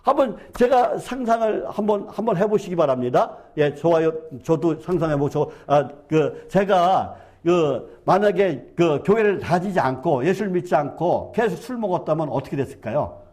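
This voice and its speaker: A male pastor preaching a fervent sermon in church, often asking rhetorical questions and filling pauses with "yes.". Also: fairly high pitch, lively intonation, darkish tone. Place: church sanctuary.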